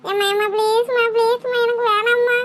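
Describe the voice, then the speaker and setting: A woman voicing a whiny teenage village girl in a cartoon, high and pleading. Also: level tone, a little fast, slight background noise. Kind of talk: cartoon voice acting.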